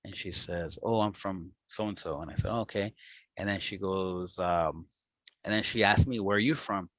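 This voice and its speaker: Low voiced la guy rambling through a story on a podcast, dry close sound. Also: moderate pace, a bit bright, no echo, low-quality recording. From Los Angeles. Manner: rambling storyteller, many restarts and fillers. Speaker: podcast co-host. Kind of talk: casual podcast chat.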